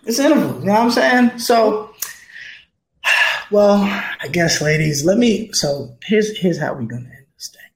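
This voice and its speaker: A man's voice: high-pitched, lively intonation, measured pace. A man co-hosting a podcast, chatting casually and joking as he tells a story. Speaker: podcast co-host. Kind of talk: casual chat. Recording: roomy echo.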